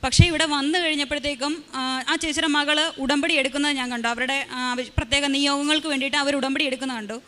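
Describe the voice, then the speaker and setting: A woman's voice: sits high, steady tone, fast talker, fairly bright tone. A woman from Kerala giving a church testimony, earnest with small hesitations. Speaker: testimony giver.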